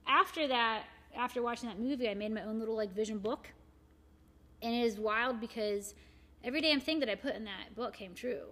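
A woman's voice: on the high side, fairly quick, fairly bright tone. Rambling woman chatting casually. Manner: rambling, heavy on "you know" fillers. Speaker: guest, shop owner and arts volunteer. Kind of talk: casual conversation.

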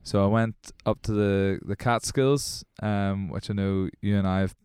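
A man's voice: fairly low pitch, unhurried, clear, resonant tone, dry recording, studio quality. A man co-hosting a podcast in casual chat, rambling with many fillers. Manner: rambling, relaxed, full of fillers. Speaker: podcast co-host. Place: small podcast studio.

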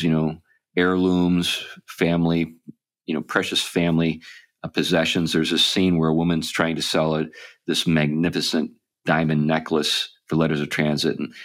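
Podcast host, male, low voice, loose and meandering delivery. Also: little pitch movement, normal speed. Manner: rambling, with frequent ums and restarts. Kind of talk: casual chat.

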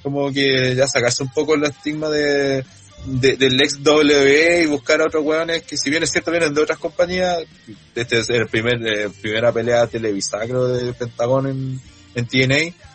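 A man's voice: mid-range voice, fairly even intonation, moderate pace, fairly bright tone, soft background music. A man with a Chilean accent telling a story in casual podcast chat, slangy and rambling with restarts. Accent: Chilean Spanish. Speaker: podcast co-host. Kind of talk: casual chat about wrestling.

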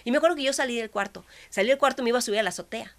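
A woman, a guest telling a personal faith story with lively acted-out dialogue. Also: fairly high pitch, racing. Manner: expressive, acts out dialogue, drops to whispers. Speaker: guest sharing a faith testimony.

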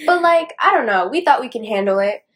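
Chatty teenage girl, slightly high voice. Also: animated, fairly quick, a bit bright. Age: teens. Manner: chatty, laughs often, says "like" a lot. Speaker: co-host. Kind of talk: casual chat.

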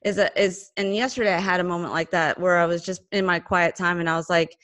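A podcast host talks with her guest on a faith-based show, reflective and warmly affirming as a listener. Her lowish voice is fast and fairly even in intonation, with no room sound.

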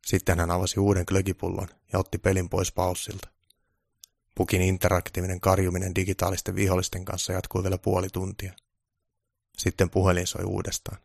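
A man narrating a comic storybook in a deadpan way. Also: low-pitched, gravelly, no room sound, clean studio sound.

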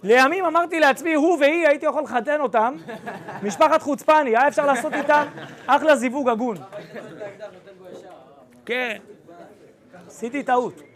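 A young rabbi with a slangy, lively storytelling manner, recounting an episode to a class of students. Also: male voice, very high voice, pauses often.

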